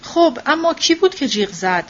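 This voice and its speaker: A woman's voice: sits high, very animated, lo-fi sound, voice pushed up. A woman doing a sulky stubborn little boy. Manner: sulky, indifferent, short replies. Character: stubborn young boy at a piano lesson.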